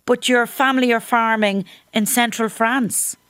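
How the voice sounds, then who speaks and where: A woman's voice: fairly high pitch, fairly even intonation, a little slow, a bit bright, clear, resonant tone, no echo. An Irish woman presenting on radio and interviewing in a conversational, engaged way. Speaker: radio host. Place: radio studio.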